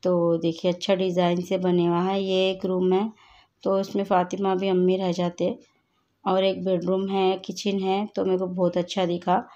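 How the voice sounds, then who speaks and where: A woman's voice: lowish voice, monotone, normal speed, mellow. A woman vlogger chatting casually to her viewers, recounting her troubles with a landlord and sounding worried. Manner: chatty, retelling quarrels with quoted lines; worried, complaining tone. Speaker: family vlogger. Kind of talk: casual vlog chat. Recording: slightly dull, lo-fi sound.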